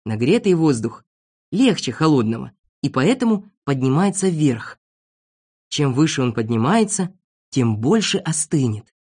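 Brief: expressive storybook narrator, animated pitch, steady mid voice. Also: unhurried, breathy edge. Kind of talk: children's story reading.

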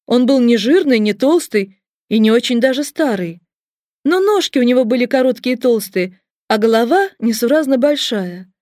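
A woman reading a children's story aloud with a lively, expressive delivery. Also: on the high side, no room sound, clean studio sound. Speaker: audiobook reader.

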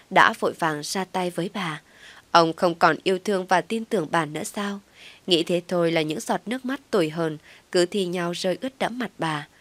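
A woman narrating a first-person family drama story in a calm, steady way. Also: on the low side, no echo.

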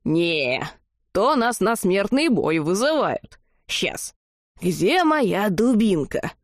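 A woman voicing a grumpy male dragon head with a hoarse, wheezy voice that breaks into coughs. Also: medium pitch, very animated, slow, no room sound, clean studio sound. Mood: grumbling.

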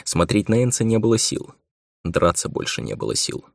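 A man reading a science fiction audiobook in a measured, subdued narration. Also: on the low side, sing-song, vocal fry, no echo, clean studio sound. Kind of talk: scripted narration.

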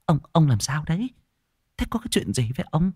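A man voicing an old countrywoman who is a devoted, tearful wife, crying out in a high, wailing voice. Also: very animated, measured pace, no echo, clean studio sound. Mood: anxious.

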